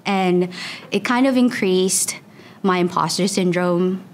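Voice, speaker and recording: This student researcher from the Philippines, a young adult and native Tagalog speaker, answers interview questions casually and slowly. She has a lowish voice, talks chattily with frequent "like" fillers, and there's slight background noise.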